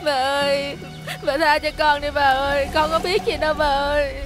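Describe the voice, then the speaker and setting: A woman's voice: high-pitched, level tone, normal speed, lightly acted. An actress playing a frightened young female servant in a period TV drama, begging for mercy through tears. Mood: tearful. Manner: pleading, tearful, begging. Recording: music score underneath.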